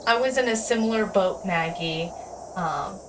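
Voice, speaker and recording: A woman streaming a game, chatting casually and haltingly with many restarts. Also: medium pitch, distant mic, noisy background. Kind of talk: casual gameplay chat.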